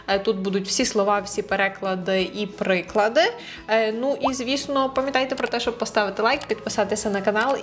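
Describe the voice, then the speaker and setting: Woman teaching, enunciating slowly. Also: mid-range voice. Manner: slow, careful over-enunciation of hard words; chatty and encouraging with viewers. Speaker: Polish language teacher. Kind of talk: online language lesson.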